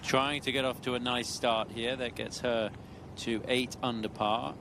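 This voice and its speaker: A man working as a golf commentator, calling live tournament play with expressive reactions to shots. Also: medium pitch, measured pace. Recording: clear outdoor ambient noise behind. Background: outdoor tournament ambience.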